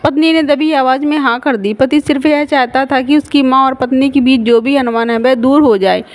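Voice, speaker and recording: A woman's voice: sits high, steady tone, moderate pace. A woman reading a scripted moral story aloud in an earnest, moralizing tone, voicing every character herself. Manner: reads all parts in her own voice, earnest moralizing tone.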